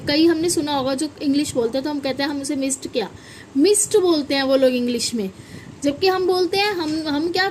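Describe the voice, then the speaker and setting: High-voiced woman teaching pronunciation. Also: slight background noise, rough recording. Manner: repeats words and quizzes viewers with questions. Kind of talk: classroom-style lesson with repeated examples.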